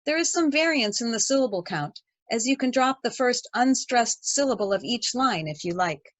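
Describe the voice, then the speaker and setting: A woman teacher narrating a scripted lesson, reading verse aloud with a measured rhythm. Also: on the high side, lively intonation, dry recording.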